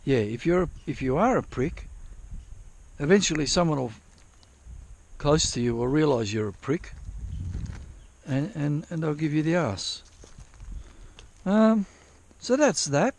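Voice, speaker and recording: A man's voice: fairly high pitch, darkish tone, no echo. A man with an Australian accent chatting casually to his viewers, rambling, repeating himself and swearing freely. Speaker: vlogger. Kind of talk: casual rambling chat to camera.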